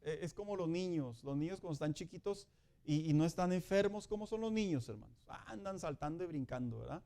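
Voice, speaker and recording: A middle-aged man, preaching a Sunday school sermon in a lively, joking way. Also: fairly high pitch, brisk. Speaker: pastor.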